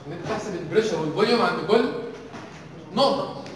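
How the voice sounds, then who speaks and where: A man's voice: high-pitched, lively intonation, rapid-fire, a crowd in the background. A young Egyptian man teaching a university engineering section, constantly firing questions at the class. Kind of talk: university tutorial lecture. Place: large lecture hall. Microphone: distant room mic. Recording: echoey hall recorded from far off.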